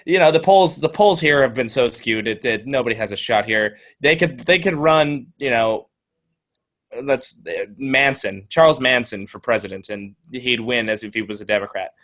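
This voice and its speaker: A man from California co-hosting a casual political talk show. He chats loosely and tells stories, acting out what other people said. His voice sits at an ordinary middle pitch. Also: normal speed, fairly bright tone. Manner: chatty, storytelling with acted-out quotes. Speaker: podcast co-host.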